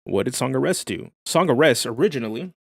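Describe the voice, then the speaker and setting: A man hosts a livestream in a loose, excited way, reacting to new rules and catching up with chat. His voice sits at a middle pitch, and the sound is dry with no room echo. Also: fairly quick, gravelly, husky. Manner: enthusiastic, casual slang, reads chat aloud. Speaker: livestream host. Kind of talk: casual livestream commentary.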